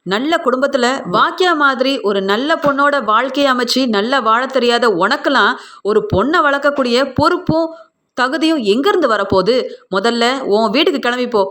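A stern older woman scolds her grown son in slow, cutting words, as a woman narrator puts her on. The voice sits high. It is part of a spoken retelling of a TV serial. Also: fairly bright tone, natural voice.

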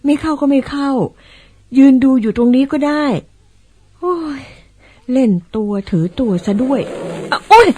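An actress playing an excitable mother who exclaims and describes what she sees, in old-style radio drama acting. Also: sits high, a little slow, long pauses. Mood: exclaiming. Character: excitable mother, easily startled.

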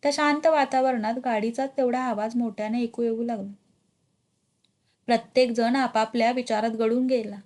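Female narrator for a literary short story, steady and measured, slightly high pitch. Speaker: story reader.

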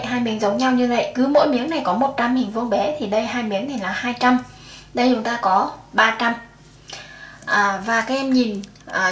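Patient woman teacher, slightly high voice. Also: reverberant. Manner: patient, counting aloud step by step. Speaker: primary school math teacher. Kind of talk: explaining a lesson to young children.

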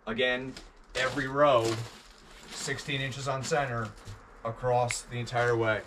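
Methodical man, mid-pitched, explains building methods step by step outdoors, faint outdoor hum behind him. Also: little pitch movement. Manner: methodical, measured. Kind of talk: explanatory walkthrough.

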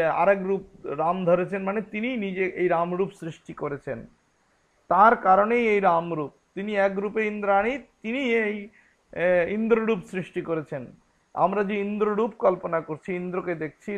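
A man with a Bengali accent teaching scripture, chanting Sanskrit verses and explaining them word by word in a deliberate lecture. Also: high voice, fairly bright tone.

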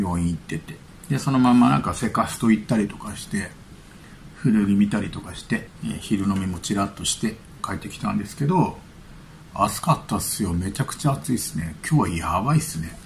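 A channel host runs a casual vlog from home, chatting loosely as he eats and reads news items aloud, adding his own remarks. His voice is on the low side and gravelly, with slight background noise.

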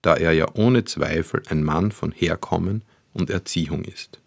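A man's voice: low voice, a little slow, vocal fry, no room sound, exaggerated voice. A man voicing a grumpy, weary old father who speaks sternly and dryly. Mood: calming. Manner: stern, dry, sighing.

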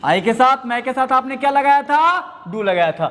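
A man's voice: very high voice, expressive, sharp tone, long reverb tail. A male teacher with an Indian accent giving a grammar lecture, repeating points and speaking fondly to his students. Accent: Indian English. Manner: repetitive, addresses students fondly, drawn-out English phrases. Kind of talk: classroom lecture.

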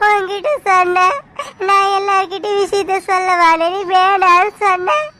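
A woman doing a weeping, very high young woman. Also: measured pace, very noisy. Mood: tearful. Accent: Tamil. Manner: crying, urgent. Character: tearful young woman, frightened and desperate.

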